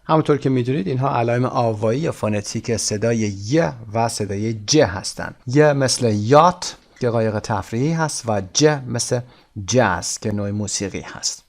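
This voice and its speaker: A man teaching a recorded English course in Persian. He reads each English instruction slowly and deliberately, then explains it at a brisk pace. His voice sits at an ordinary middle pitch. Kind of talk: recorded textbook lesson.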